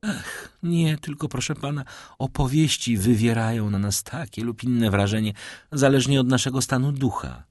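A man's voice: mid-range voice, moderate pace, darkish tone, no echo, studio quality, voice pushed up, close to an everyday voice. A man voicing a fainting middle-aged noblewoman who speaks faintly and with strain. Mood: shaken. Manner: faint, strained, breathless delivery.

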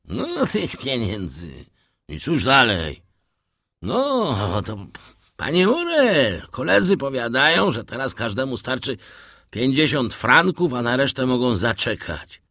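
A man voicing a rough, plainspoken old sailor who speaks in a raised, pleading tone. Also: mid-range voice, huge pitch swings, slow, sharp tone, no room sound, clean studio sound, voice pushed up, full character voice.

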